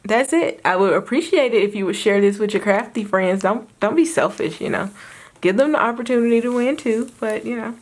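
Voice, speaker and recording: A woman's voice: a little high, fairly quick. A woman with a Southern US accent, a craft vlogger chatting casually to her viewers, rambling and giggling with lots of fillers. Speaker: craft YouTuber.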